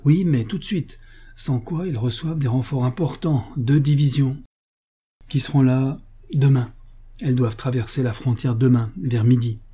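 Audiobook: man doing a brisk Alsatian soldier scout, dark and husky tone. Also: mid-range voice, close to an everyday voice.

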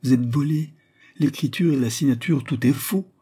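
A man's voice: medium pitch, moderate pace, mellow, breathy edge, pitched above the performer's own voice, lightly acted. A man voicing a haughty, indignant older cardinal-prince with an imperious, lofty manner.

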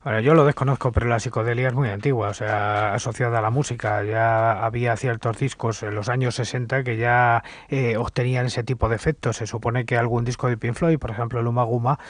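A man chatting as a podcast panellist, halting and repeating words as he goes. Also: mid-range voice, steady tone, dry recording. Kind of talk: casual panel discussion.

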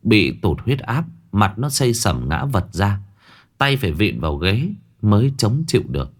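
A man narrating a ghost story in a dramatic, expressive reading. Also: on the low side, normal speed.

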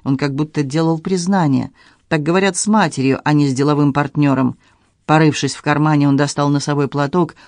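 A man reads a novel aloud in a measured, even storytelling voice that sits slightly high for a man. The recording is close and bone-dry, with no room sound. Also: dry recording. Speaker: audiobook narrator. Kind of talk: scripted narration.

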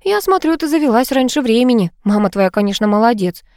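A sassy young woman with a bossy, teasing bite, read out by a female narrator. Her voice sits fairly high, and the recording is close and dry with no room sound. She needles her friends and her man in a playful tone. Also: sing-song, brisk, darkish tone, no room sound. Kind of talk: audiobook character reading.

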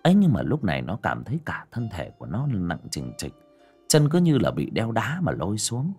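A man narrating a dramatic audiobook story, swinging between loud and hushed delivery. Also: on the low side, wildly swooping pitch, brisk, slightly rough, faint music behind.

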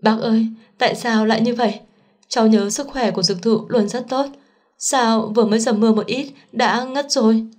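A woman's voice: on the high side, steady tone, a little fast, a little mellow, natural voice. A woman voicing a heartbroken young woman who speaks tearfully, in a storybook reading. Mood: sad. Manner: tearful, pleading.

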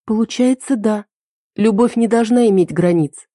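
A woman voicing an emotional young heroine in an audiobook, her lines pitched high and urgent. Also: normal speed, mellow, no echo, studio quality, lightly acted. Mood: tender.

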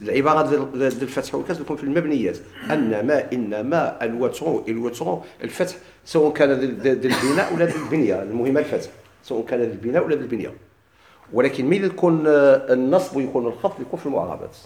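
A man with a Moroccan Arabic accent explains a classical text to his students, asking them questions and answering them himself, and he chants the quoted verses slowly. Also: mid-range voice, lively intonation, a little mellow, echoey room, a little hiss or hum. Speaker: teacher of Quran recitation.

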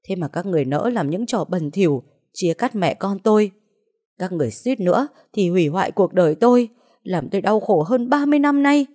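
A woman voicing a middle-aged mother who shouts accusations in anguish and fury in an audio story. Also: on the low side.

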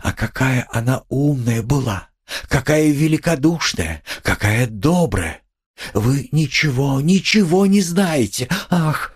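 A man's voice: mid-range voice, animated, unhurried, husky, voice pushed up. A man voicing a timid, pious poor young woman who pleads in a trembling, tearful way. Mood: pleading. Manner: trembling, tearful, eager to defend.

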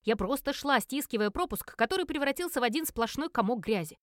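A woman reading a first-person audiobook in an expressive storytelling manner, close to the mic. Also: on the high side, fast talker, dry recording. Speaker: narrator.

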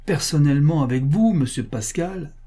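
A man reading the lines of an anxious, insinuating male prince who presses and flatters. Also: fairly high pitch, moderate pace, breathy edge. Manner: urgent and ingratiating.

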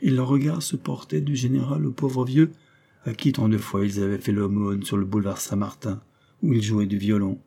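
A man's voice: steady tone, moderate pace, creaky, slightly rough. A man reading a nineteenth-century short story aloud as narrator, lifting his voice to act out the characters. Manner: voices characters with shifts in pitch and loudness. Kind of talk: audiobook reading of a classic story.

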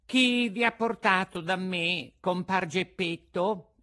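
Man doing a squeaky old carpenter. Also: slow pace, bright, forceful tone, heavily acted. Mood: teasing. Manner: high, thin and piping. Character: cranky old male carpenter, squeaky and fussy. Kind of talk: storybook reading.

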